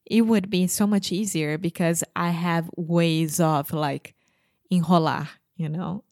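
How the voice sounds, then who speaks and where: A woman's voice: fairly low pitch, steady tone, slow, darkish tone, no room sound, studio quality. A Brazilian woman, a native Portuguese speaker, co-hosting a podcast in careful English, often restarting and searching for words. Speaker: podcast co-host. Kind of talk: casual podcast chat.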